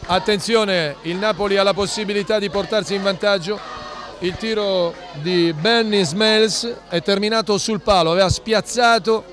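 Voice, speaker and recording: A man giving live football commentary, dramatic and building to excited goal calls. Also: high-pitched. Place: outdoor football ground. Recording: outdoor stadium with crowd and music behind. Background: crowd and music.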